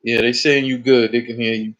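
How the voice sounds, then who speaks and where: A man's voice: mid-range voice, flat delivery, a little fast, a bit bright. Profane, repetitive man hosting a lo-fi stream. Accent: New York. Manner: loose, profane, repeats words. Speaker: host. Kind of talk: casual live-stream chat. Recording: dull lo-fi stream audio.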